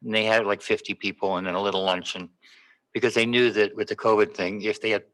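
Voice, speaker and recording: An older man on a city board, speaking in a rambling, halting way with many fillers during casual remarks at a public meeting in a council chamber. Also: on the low side, flat delivery, a bit bright, rough recording. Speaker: board member.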